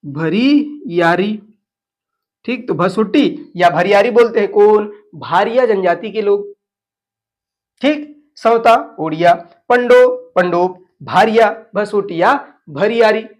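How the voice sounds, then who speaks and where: A high-pitched man at a measured pace lectures an exam class, answering his own questions as he drills facts. Chhattisgarhi phrases slip into his speech.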